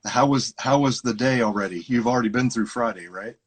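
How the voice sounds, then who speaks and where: A man's voice: medium pitch, fairly quick, a little hiss or hum. A man hosting a live online interview, asking questions in a chatty, friendly way. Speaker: interview host. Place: Ohio.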